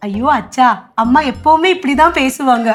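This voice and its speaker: A woman playing a soft-hearted Tamil-accented young wife. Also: high voice, brisk, soft background music, close to an everyday voice. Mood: pleading. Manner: mixes Tamil into Malayalam, pleading. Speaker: family member in a sitcom household. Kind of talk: sitcom acting.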